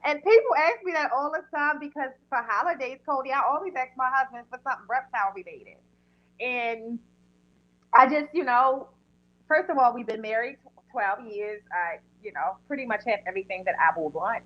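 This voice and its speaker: High-voiced woman hosting, dull audio. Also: moderate pace. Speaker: podcast host. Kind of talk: casual interview chat.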